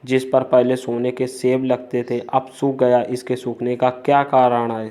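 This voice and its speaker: Cunning old foster mother, read by a man, gentle, storybook tale, monotone. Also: medium pitch, a little slow, lightly acted. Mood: coaxing. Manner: flat, even reading.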